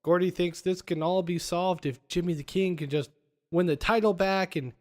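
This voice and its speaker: Man recapping a film, slightly high voice. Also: steady tone, normal speed. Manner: retells scenes with quoted lines, laughs often. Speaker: podcast host. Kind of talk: casual podcast movie recap.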